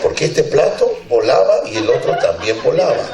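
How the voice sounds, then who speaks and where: Animated laughing preacher in a roomy hall. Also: male voice, mid-range voice, moderate pace. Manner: animated, laughing storyteller acting out voices. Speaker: pastor. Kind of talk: sermon with humorous storytelling. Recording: roomy church hall, distant mic, congregation audible.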